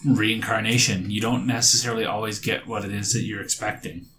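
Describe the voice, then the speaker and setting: A man narrating as game master in a tabletop game, halting and amused as he tells the story. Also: fairly low pitch, level tone, reverberant. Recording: faint room noise.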